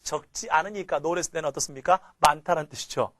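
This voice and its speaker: Korean man teaching English, fairly high voice. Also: normal speed, fairly bright tone, no room sound. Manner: keeps asking rhetorical questions and tags "그렇죠?"; drills phrases by chanting them. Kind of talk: recorded English grammar lecture.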